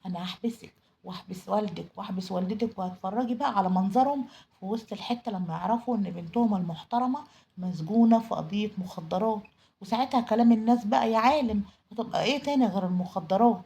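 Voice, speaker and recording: A woman voicing a cold, threatening Egyptian man who blackmails a young woman, in a husky, gravelly tone. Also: high-pitched, very fast, dark tone. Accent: Egyptian Arabic. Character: menacing blackmailing man, middle-aged.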